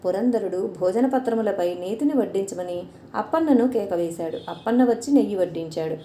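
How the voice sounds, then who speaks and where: A woman tells a devotional tale in a measured, formal way. Her voice is dark and mellow. A roomy echo and faint background noise sit under the recording. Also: medium pitch, expressive. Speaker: storyteller. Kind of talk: scripted devotional story narration.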